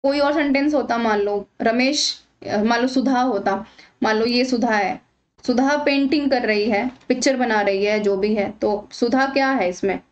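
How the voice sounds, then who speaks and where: A woman's voice: a little high, a little slow, muffled recording. A woman teaching an exam-prep grammar lesson, patiently asking questions and answering them herself.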